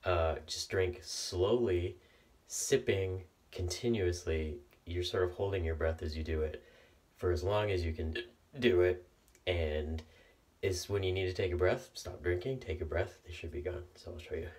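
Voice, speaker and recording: A man explaining a home remedy in a casual video, speaking haltingly with the hiccups. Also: sits low, a little mellow, distant mic. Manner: halting, with fillers and restarts. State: has the hiccups. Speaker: vlogger.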